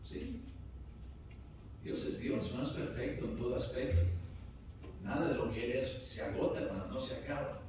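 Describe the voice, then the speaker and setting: Heard from afar in a very echoey church hall, a medium-pitched male pastor delivers a sermon at normal speed, broken by long pauses. His emphasis keeps building toward forceful peaks, and he calls out "hermanos," or "brothers," over and over to the congregation in the sanctuary. The background is noisy.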